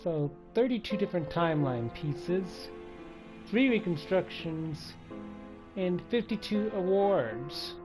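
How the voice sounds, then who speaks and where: A man's voice: high voice, expressive, slow, music in the background. A man hosting a let's play, chatting casually as he reads out menus and counts items aloud. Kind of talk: casual gameplay commentary.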